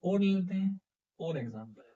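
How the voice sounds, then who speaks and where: A man's voice: sits high, expressive, normal speed, dark tone. A man teaching a chemistry class, coaxing students with repeated questions, his voice a little heavy from being unwell. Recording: dull, muffled lo-fi sound.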